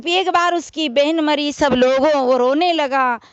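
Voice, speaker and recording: Brief: woman preacher, high voice, storytelling sermon, dull lo-fi sound. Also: a little slow, no echo. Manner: tells a parable, acting out mourners and consoling women in quoted speech. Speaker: religious preacher.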